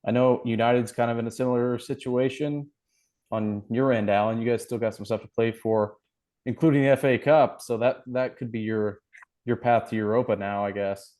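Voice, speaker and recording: A man's voice: mid-range voice, steady tone, moderate pace, a little mellow. A man co-hosting a casual soccer podcast over a video call, laid-back and joking, with casual swearing. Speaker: podcast co-host.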